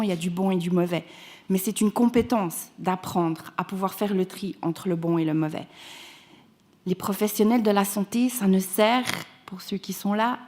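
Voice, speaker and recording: A woman's voice: medium pitch, darkish tone. A woman from Canada giving a conference talk as a patient advocate, speaking earnestly and with emphasis, often restarting her phrases. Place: conference hall.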